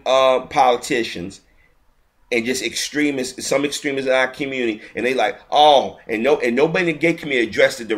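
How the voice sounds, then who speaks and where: Heated and indignant, a man rants through a video commentary in a mid-range, slightly bright voice. He repeats himself and frequently restarts sentences partway through.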